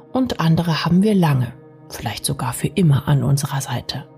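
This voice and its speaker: A woman narrates a bedtime sleep story in a soft, soothing, partly whispery way, speaking intimately to the listener. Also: low voice, vocal fry. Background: music.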